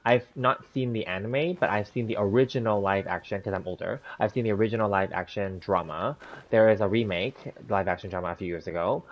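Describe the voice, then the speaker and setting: Talking a little fast in a lowish voice, a thirtysomething gaming streamer tells viewers a meandering story during a casual livestream, with many fillers, restarts and easy laughter. The stream audio is dull and lo-fi.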